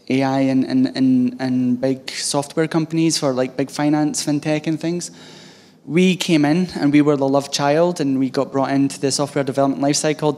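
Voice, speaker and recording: A man's voice: mid-range voice, a little mellow. A man with a thick, broad Scottish accent gives an informal tech talk to an audience, in a loose, hesitant, conversational way. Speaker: conference speaker, head of DevOps at a bank.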